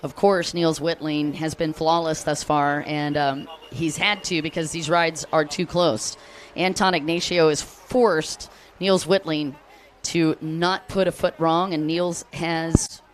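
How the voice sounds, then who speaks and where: An American woman calls a race live, chatty and upbeat, naming riders and greeting fans between lap updates. Her voice is low and fairly even, and she takes her time. A slight hiss or hum sits under the recording.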